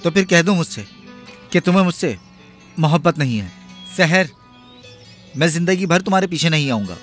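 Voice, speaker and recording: A man's voice: fairly high pitch, expressive, moderate pace, soft background music, close to an everyday voice. A man dubbing a film role, a young man in love who speaks in an earnest, pleading way. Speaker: dub actor.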